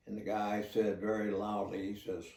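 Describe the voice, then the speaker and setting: An older man, a former police officer, telling a story in a halting, plainspoken way. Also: on the low side, little pitch movement, vocal fry, darkish tone. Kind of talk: casual spoken storytelling. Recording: roomy echo, distant from the mic.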